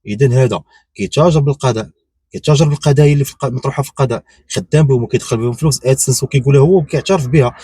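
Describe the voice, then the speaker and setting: A man's voice: medium pitch, racing, dark tone, husky, dry recording. A man with a Moroccan accent giving unscripted opinion commentary, insistent and repetitive, firing off rhetorical questions. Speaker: YouTube commentator.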